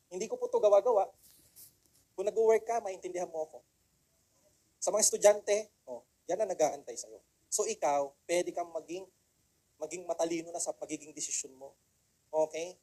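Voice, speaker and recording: A man's voice: sits high, fairly even intonation, normal speed, long pauses, mellow. A man giving a motivational seminar talk to an audience, rhetorical and coaxing, repeating key phrases and asking for agreement. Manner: mixes English phrases into the talk. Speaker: motivational speaker.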